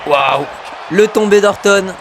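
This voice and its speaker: Male gamer, high voice, excitable play-by-play, shouts at big moves, mutters asides. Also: slow, some chatter behind, slight background noise. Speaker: gamer commentating his own wrestling video game match.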